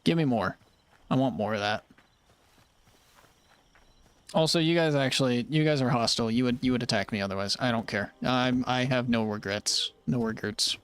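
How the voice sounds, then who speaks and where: A man's voice: mid-range voice, fairly quick, fairly bright tone, clean tone. A young man giving playful, jokey commentary while playing a video game and talking to the creatures he meets. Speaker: streamer. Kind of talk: casual gameplay commentary.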